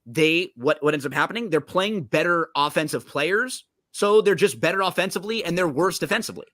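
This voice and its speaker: A man hosting a podcast, chatting casually and quickly about basketball, often restarting his sentences. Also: on the high side, lively intonation, bright, forceful tone, no room sound, clean studio sound. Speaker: podcast host. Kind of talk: casual sports chat.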